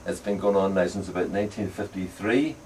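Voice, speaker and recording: A man's voice: low voice, brisk, a little mellow. An older Northern Irish man with an Ulster accent, reminiscing casually as he answers interview questions. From Northern Ireland. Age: older, around 70 or above. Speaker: bicycle frame builder and veteran club racing cyclist being interviewed. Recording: distant mic, clear background noise.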